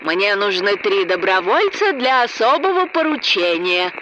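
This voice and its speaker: Woman doing a croaking headmistress over a loudspeaker. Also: mid-range voice, big pitch swings, measured pace, muffled recording, background noise. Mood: barking. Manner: croaking, barking orders. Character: spiteful bossy orphanage headmistress, woman. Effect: through a loudspeaker. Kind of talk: audiobook character voice.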